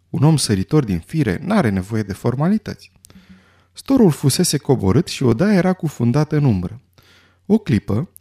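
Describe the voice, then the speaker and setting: A man narrating a story in a scripted audiobook reading, expressive and dramatic. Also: medium pitch, breathy edge.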